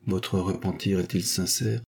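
A man voicing an earnest, kindly older gentleman who gently lectures a young woman in a story reading. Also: low-pitched, steady tone, unhurried, gravelly, husky, heavily acted. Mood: stern. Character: kindly grave older gentleman, a tax collector.

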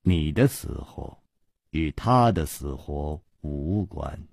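Man doing a sinister young villain, low hushed threats, very slow delivery, dry close sound. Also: expressive, creaky, dry recording, exaggerated voice. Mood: coldly calculating. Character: scheming young male villain, cold and menacing. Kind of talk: Chinese storytelling radio reading.

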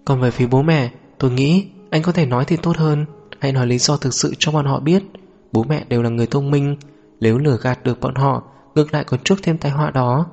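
A man voicing a calm, weary young wife in an audio novel, speaking in a measured, composed way. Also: mid-range voice, soft background music, lightly acted. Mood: calm, resigned.

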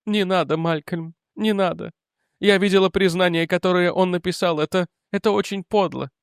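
A man's voice: high-pitched, fairly even intonation, moderate pace, vocal fry, clean tone, no room sound, clean studio sound, pitched above the performer's own voice. A man reading an audiobook, voicing a frail, guilt-ridden mother who talks in an imploring, tender way.

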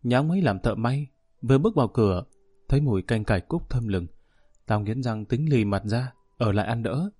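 A man's voice: medium pitch, expressive, a little fast, dark tone, slightly rough, no room sound. A man voicing a sad young runaway.

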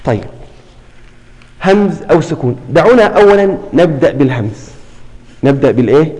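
Guy with a higher voice teaching a recitation class, keeps asking the students stuff, stretches words out when he demos them, long echoey hall. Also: very animated, brisk, a little mellow. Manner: prompts students with questions, repeats key terms. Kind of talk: classroom lesson on tajweed.

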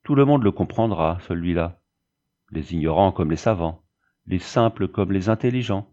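A man voicing a simple, devout peasant woman who speaks humbly and warmly of thanks. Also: low voice, lively intonation, normal speed, highs cut off. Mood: grateful.

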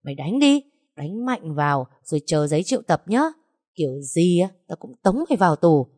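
A woman's voice: fairly low pitch, very animated, brisk, a little mellow, no room sound, clean studio sound. A woman voicing a spiteful, scheming young woman who taunts and sneers at her rival. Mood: shrill fury.

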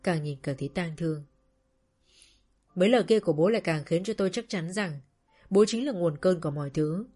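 A woman with a lowish voice reads a first-person story aloud, slow and sorrowful in tone. Soft music runs quietly underneath. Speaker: narrator.

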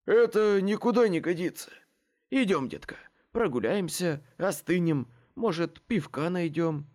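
An easygoing middle-aged man tries to smooth things over, casual and placating, in a lively voice, as a man reading a storybook puts him on. He sounds relaxed and eager to step away. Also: a little high, measured pace.

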